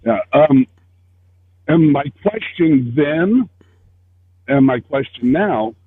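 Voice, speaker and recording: A man's voice: a little high, expressive, slow pace. A man calling into a livestream over a headset, his voice muffled as if through a wall, pressing on with his questions. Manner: persistent questioning. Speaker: caller on a livestream. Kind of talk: casual call-in chat. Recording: muffled lo-fi phone-like line.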